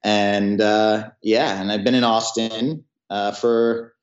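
A man in his thirties, a company founder answering interview questions in a hesitant way, with many pauses. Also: on the low side, level tone. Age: 30s. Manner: hesitant, full of fillers and restarts. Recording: roomy, dull audio.

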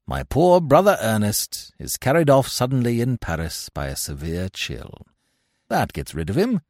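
A man playing a fussy young gentleman who talks in an irritable, flustered way. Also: medium pitch, huge pitch swings, moderate pace, no echo, studio quality. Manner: peevish, flustered.

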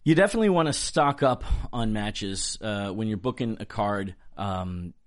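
A man with a lowish voice talks through fight booking in a loose podcast chat. He pauses often, fills gaps with ums and uhs, and drops the odd deadpan joke. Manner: halting, lots of ums and uhs, dry jokes. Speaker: fight matchmaker and promoter.

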